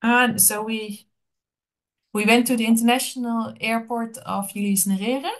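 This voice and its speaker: Female language student, hesitant and searching, slow delivery with frequent fillers. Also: fairly high pitch, steady tone. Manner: hesitant, thinking aloud with many uh fillers. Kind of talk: one-on-one language lesson.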